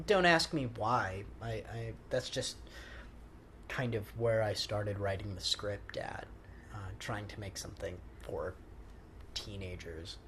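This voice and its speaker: A man's voice: on the low side, fairly bright tone, a little hiss or hum. A man giving casual film commentary as the director, rambling informally and trailing off, recorded on a handheld recorder in a living room. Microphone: handheld portable recorder in the room.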